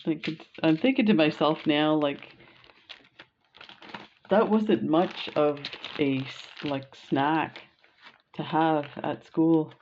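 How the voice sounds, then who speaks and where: A beading vlogger, a middle-aged woman from Canada, chats slowly and gushingly through a bead haul in a casual unboxing, dropping lots of little fillers. Her voice is low, and the dull, lo-fi home recording carries a little hiss or hum.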